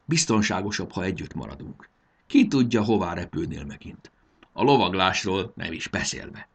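A man's voice: deep voice, animated, gravelly, slightly rough, exaggerated voice. A man voicing a young boy who boasts and acts brave while he is afraid of heights. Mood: cheerful, bossy. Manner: boastful, then nervous and bracing himself. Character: adventurous young boy, proud but scared of heights.

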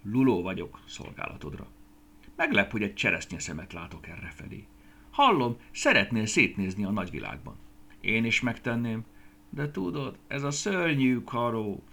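A man voicing a stiff, kindly scarecrow who speaks gently in a storybook reading. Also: on the low side, big pitch swings, gravelly, full character voice. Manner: gentle, soft-spoken, sometimes whispering.

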